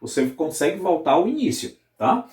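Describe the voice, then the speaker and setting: A man's voice: a little high, big pitch swings, normal speed, darkish tone. Brazilian guy teaching literature, keeps asking if u got it, roomy echo. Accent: Brazilian Portuguese. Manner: explanatory, checks in with "tá certo?". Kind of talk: recorded video lesson.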